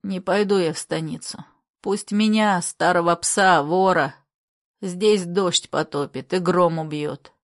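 A woman reading a story aloud, voicing a hoarse, guilt-ridden dying old grandfather who speaks in a despairing, pleading way. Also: on the low side, slow pace, long pauses, voice pushed down. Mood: bitter.

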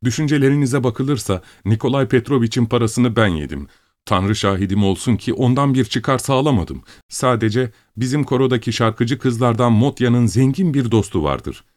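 A man's voice: medium pitch, animated, normal speed, dry recording, studio quality, pitched above the performer's own voice, close to an everyday voice. A man voicing a distraught, tearful young woman who protests indignantly, in an audiobook story. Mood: tearful defiant. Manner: sobbing, indignant outbursts.

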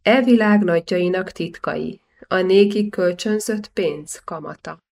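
A woman reading the lines of a shrewd, calculating older male banker in an audiobook, smooth and persuasive. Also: fairly low pitch, darkish tone.

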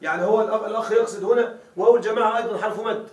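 A man with a high, steady voice and a slightly dark tone talks at a rapid-fire clip, his highs cut off, while teaching Arabic grammar in a classroom lecture. He often checks that students follow and turns key words into questions for them to answer. The audio is roomy, picked up by a distant mic.

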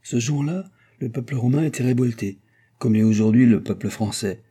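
A man reading aloud and voicing a sad, sharp-witted queen who speaks in a cool, pointed way. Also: medium pitch, normal speed, husky, lightly acted.

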